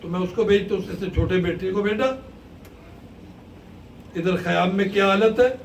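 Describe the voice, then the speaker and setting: High, gravelly male preacher in an echoing hall. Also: distant mic. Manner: impassioned storytelling, rising to shouted lament. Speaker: cleric. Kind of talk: mourning sermon recitation. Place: large mosque hall. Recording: echoey hall recording from afar, faint hiss.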